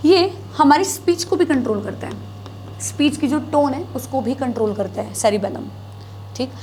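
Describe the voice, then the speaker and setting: High-voiced woman teaching biology. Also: moderate pace, a little mellow, a little hiss or hum. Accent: North Indian Hindi. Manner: explains with gestures, asks and answers her own questions; mixes Hindi with English terms. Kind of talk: classroom lecture.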